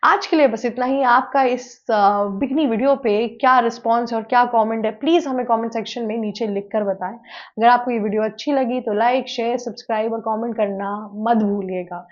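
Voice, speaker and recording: A woman's voice: a little high, steady tone, normal speed. A woman presenting opinion commentary for a news channel, arguing earnestly and asking rhetorical questions. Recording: slightly dull lo-fi sound.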